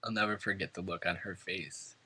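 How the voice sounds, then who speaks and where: At a funeral before family and friends, a son from New York State reads a prepared eulogy, earnest and emotional. His low-pitched, husky voice is brisk, pushed and bright.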